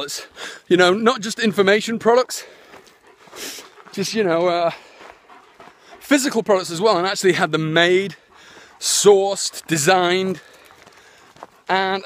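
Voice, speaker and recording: Guy with a pretty high voice just rambling into his phone outside, lots of ums and restarts. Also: fairly bright tone. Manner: rambling, chatty, full of fillers and restarts. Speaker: internet marketer. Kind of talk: live-streamed walking vlog. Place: outdoors, walking his land. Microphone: phone live stream.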